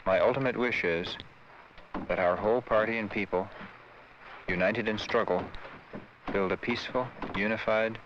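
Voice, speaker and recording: A man giving formal, measured narration in the sound of an old newsreel. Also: on the low side. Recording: dull lo-fi newsreel with loud hiss.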